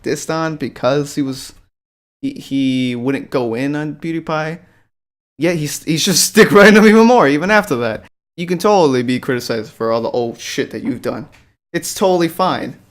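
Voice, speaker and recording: A man's voice: on the high side, moderate pace, a bit bright. A man hosting a reaction video, ranting in a profane, exasperated and mocking way. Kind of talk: ranting commentary.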